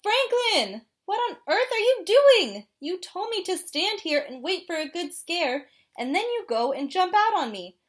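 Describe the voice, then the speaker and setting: A woman voicing a young penguin in a storybook read-aloud, excitable and polite, frustrated by hiccups, addressing children like a kids show host. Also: extremely high pitch, measured pace, few pauses, pitched above the performer's own voice, heavily acted. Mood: indignant, excited. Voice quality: speech broken by gasping hiccups.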